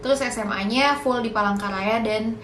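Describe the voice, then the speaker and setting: A woman's voice: a little high, moderate pace, echoey room, noisy background. A young woman in a casual Q&A vlog, chatty and a little nervous, mixing in English words. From Indonesia. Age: young adult. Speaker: YouTuber.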